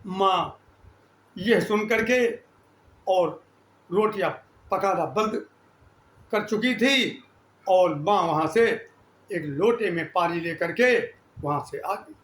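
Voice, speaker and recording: An older man slowly recounting his life story, pausing often and restarting his words. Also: high voice, fairly bright tone. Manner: slow, deliberate, with pauses and restarts. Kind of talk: spoken life-story narration. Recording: echoey room.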